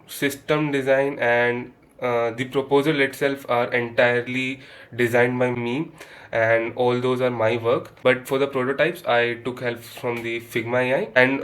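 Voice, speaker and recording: A man gives a recorded project pitch in an even, flat voice that barely rises or falls. He pauses often with "uh" and restarts his phrasing. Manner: hesitant, many uh fillers, flat delivery. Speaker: program applicant presenting his proposal.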